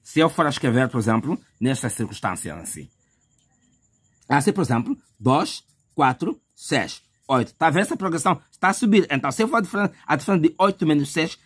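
A man's voice: fairly high pitch, animated, a little fast, fairly bright tone, breathy edge. A male math teacher talking viewers through an exam step by step, chatty and repetitive, calling the listener brother. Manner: chatty, addresses viewer as "meu irmão"; repetitive, thinks aloud with fillers. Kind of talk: math lesson walkthrough.

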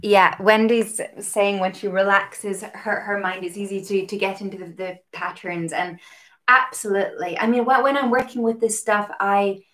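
A woman teaching a live-streamed harp lesson, explaining technique gently and encouragingly, with pauses to greet viewers and answer their comments. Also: mid-range voice, fairly even intonation.

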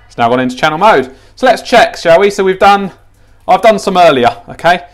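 Pitched high, with lively intonation and a brisk delivery, this male gadget presenter has a crowd audible behind him. He's indoors at a tiled kitchen counter, giving an informal, off-the-cuff demonstration full of repetition and thinking out loud.

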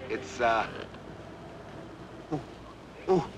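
An actor playing a good-natured, bumbling police officer, eager and excitable. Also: male voice, mid-range voice, very slow. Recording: hissy old TV soundtrack.

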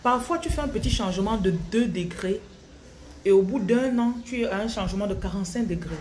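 A Cameroonian spiritual coach in her thirties, with a Cameroonian French accent, gives her followers a slow, reflective monologue, often restarting her sentences. Her medium-pitched, darkish voice is captured by a phone held close at arm's length in a small tiled room, with a little hiss or hum.

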